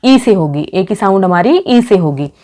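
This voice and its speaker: A woman's voice: medium pitch, animated, normal speed, mellow. A woman teaching an exam-prep phonetics lesson. She calls her students friends, asks questions and answers them herself, and reads out example words one by one.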